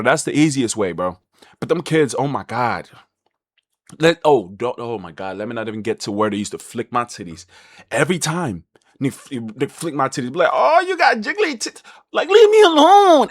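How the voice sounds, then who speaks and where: Young male vlogger, candid and slangy, voice jumps high when acting out his thoughts, dry close sound. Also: no room sound. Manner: animated, swings into high excited voice for quoted thoughts. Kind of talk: casual storytelling to camera.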